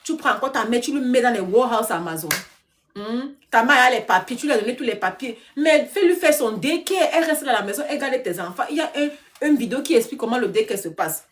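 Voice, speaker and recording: A woman coach on a live stream, exhorting her viewers directly and dropping English phrases into her preachy sales pitch. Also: animated, quick pace, slight background noise. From Africa. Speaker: online business coach.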